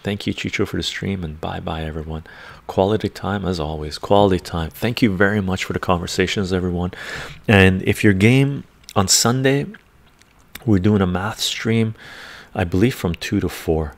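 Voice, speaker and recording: A low, creaky voice at normal speed belongs to an older man with a congested chest. He hosts a casual livestream in a home room lined with books, using a desk microphone in front of him as he rambles, chuckles and reads viewer comments aloud.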